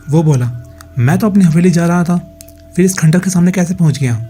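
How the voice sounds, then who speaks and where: A man narrates a scripted horror story with a steady, dramatic delivery. His voice sits a little high for a man yet sounds mellow and dark, with faint music playing beneath.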